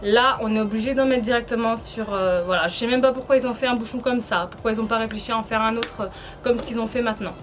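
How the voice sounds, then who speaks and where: A woman's voice: fairly high pitch, steady tone, fast talker, slight background noise. A woman giving a casual, chatty beauty tutorial, hesitant and informal, her speech slightly impeded by painful braces. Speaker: beauty vlogger presenting a tutorial.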